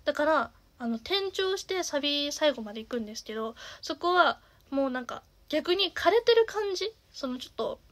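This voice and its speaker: A young woman in her twenties with a naturally nasal voice, chatting casually as a singer and streamer, with lots of fillers and the odd soft half-whisper. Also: sits high, sing-song, moderate pace, hardly any pauses. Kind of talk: casual chat.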